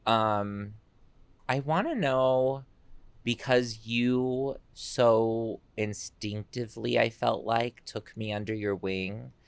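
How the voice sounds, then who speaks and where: A man hosting a podcast, asking questions in casual conversation and reacting quickly with laughter. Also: mid-range voice, vocal fry, smooth, no echo. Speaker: podcast host. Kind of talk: casual interview.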